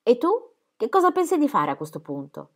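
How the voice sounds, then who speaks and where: A woman's voice: on the high side, wildly swooping pitch, a little fast, voice pushed up, full character voice. A woman voicing a small, furious elderly aunt who scolds with sarcasm. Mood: scornful.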